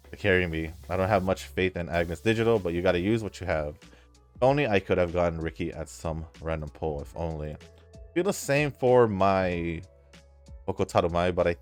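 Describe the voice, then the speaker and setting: With faint music behind him, a man who makes gaming videos on YouTube casually reads comments from viewers and responds in an easygoing, halting way with trailing fillers. His voice sits low.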